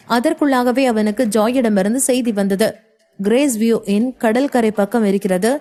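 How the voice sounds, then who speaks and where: Woman narrating a story. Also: a little high. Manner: steady storytelling. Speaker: audiobook narrator. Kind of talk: scripted narration.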